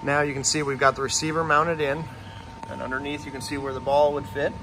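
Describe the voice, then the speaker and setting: A man who owns a fabrication shop, casually narrating a walkthrough of his projects, talking plainly with many pauses and fillers. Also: on the high side, little pitch movement, noisy background. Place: large metal fabrication shop.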